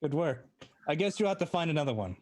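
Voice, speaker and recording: A man playing a ship captain in a tabletop game, speaking casually in character with a measured, dry manner. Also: a little high, lively intonation, darkish tone, a little hiss or hum.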